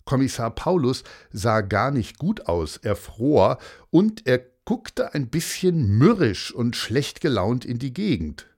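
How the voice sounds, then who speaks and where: A man reading a children's story aloud in an expressive storytelling manner. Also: mid-range voice, slow pace. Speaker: narrator.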